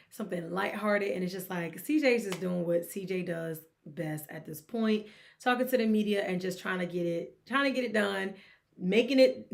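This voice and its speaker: A young woman hosts a casual sports commentary vlog, talking in an animated, teasing way at medium pitch and laughing often.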